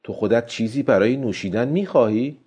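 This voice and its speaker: A man's voice: mid-range voice, dark tone, husky, natural voice. A man doing a kindly café owner. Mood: sympathetic. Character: kindly middle-aged male café owner.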